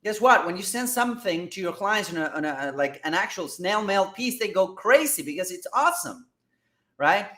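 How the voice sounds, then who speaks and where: Man, fairly high voice, excitable, casual business commentary, keeps asking "all right?". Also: normal speed, roomy sound. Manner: energetic, excitable, frequent "all right?" and "guys". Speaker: marketing host.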